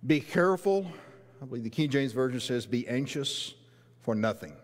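A man's voice: medium pitch, expressive, moderate pace. A middle-aged man preaching a sermon from a church stage, earnest and building to emphatic rhetorical questions as he walks about. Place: large church sanctuary. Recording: long reverb of a church hall.

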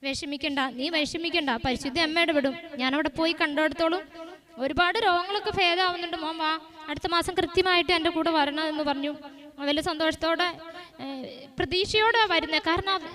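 A woman's voice: very high voice, a little fast, pushed and bright. A woman gives an earnest, emotional church testimony, telling her story with frequent restarts. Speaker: testimony giver.

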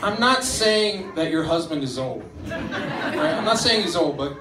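A man giving a joking best man's wedding toast in a halting, informal way, often repeating his phrases. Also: a little high, animated. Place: evening wedding reception under string lights. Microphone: handheld microphone through PA, recorded by distant camera. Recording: distant, echoey event recording, loud crowd noise.

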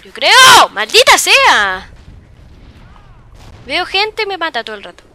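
A woman with a Chilean accent giving live, excitable commentary over her own gameplay, cursing and yelling at the game. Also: very high voice, slow pace, slight background noise. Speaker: gaming video creator.

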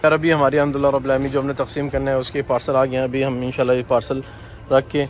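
A man's voice: mid-range voice, monotone, slight background noise. A man in his thirties vlogging casually from his car and his cafeteria, filling his talk with religious phrases. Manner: devout, peppers speech with religious phrases. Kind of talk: casual vlog narration. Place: car and restaurant kitchen, Gulf city.

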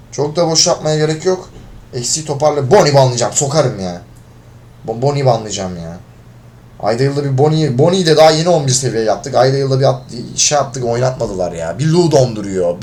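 A man commentating his own gameplay, getting frustrated and swearing at his teammates. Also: medium pitch. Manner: frustrated, swearing, shouts when losing. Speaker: gaming video creator.

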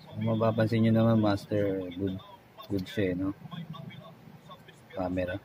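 A man's voice: fairly low pitch, flat delivery, measured pace, noisy background. A man with a Filipino accent walking viewers through a phone screen repair in a casual way, slightly slurred, keeps checking in with his listeners. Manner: keeps saying "mga master" and "no?", slightly slurred. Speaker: phone repair tutorial host.

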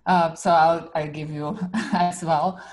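A Romanian researcher speaks slowly and hesitantly on an academic panel, with many "um" and "uh" fillers. Her low-sitting voice is fairly even and a little mellow, captured by a laptop webcam on a video call from a home room.

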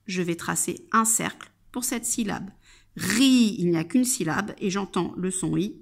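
A kindergarten teacher with a medium-pitched voice presents a video lesson for young children. She speaks directly and patiently to the child, articulating clearly and sounding words out one syllable at a time.

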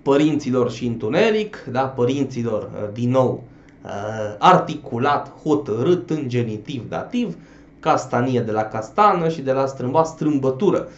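A man's voice: medium pitch, sing-song, echoey room, highs cut off. A male language teacher giving an exam-prep grammar lesson, explaining step by step and often checking in with a questioning "da?". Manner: addresses students warmly as "dragilor".

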